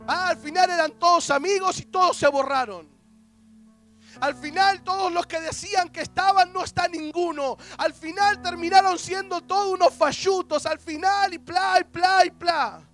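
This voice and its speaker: A man's voice: very high voice, a bit bright. A young man, preaching a sermon as an emotional personal testimony with quoted dialogue.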